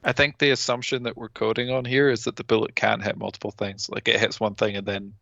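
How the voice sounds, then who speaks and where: A man's voice: fairly low pitch, level tone, fast talker, vocal fry, bright, forceful tone, no echo, dull audio. A male student explaining a point in class in a matter-of-fact way.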